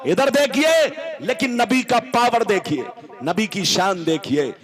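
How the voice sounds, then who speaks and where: A man with a Bihari Hindi accent preaching a sermon to a gathering over a sound system, calling on the crowd to answer aloud and chanting some lines in a drawn-out melodic way. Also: sits high, lively intonation.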